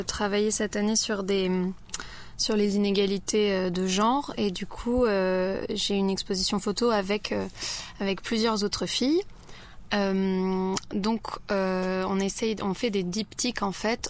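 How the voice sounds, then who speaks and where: A young woman at a middling pitch explains her photography project. She speaks thoughtfully, with frequent fillers as she searches for words. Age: young adult. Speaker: student photographer. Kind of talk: radio interview guest.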